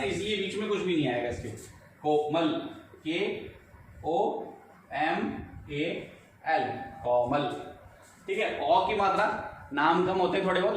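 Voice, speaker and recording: Slow-spelling man in an echoey room. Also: on the high side, far from the mic, slight background noise. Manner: slow, spells letter by letter, asks to check. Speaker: English teacher. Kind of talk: spelling lesson.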